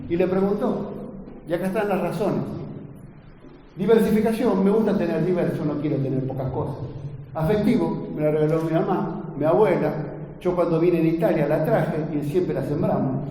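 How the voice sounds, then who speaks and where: A man's voice: a little high, moderate pace, mellow. A man giving an earnest academic lecture on agronomy, often turning to the audience with tag questions. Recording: echoey lecture hall, faint ambient noise.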